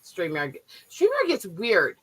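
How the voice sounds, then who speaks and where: A woman co-hosts a casual livestream chat over a remote streaming mic, blunt and profane. Her mid-range voice swoops wildly in pitch and moves slowly.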